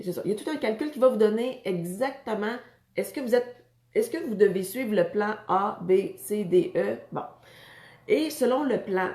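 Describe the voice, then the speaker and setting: A woman's voice: medium pitch, creaky, a little mellow, reverberant. A woman with a Quebec French accent, a fitness coach giving casual advice, chatty and full of fillers and restarts. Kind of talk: casual talk to camera.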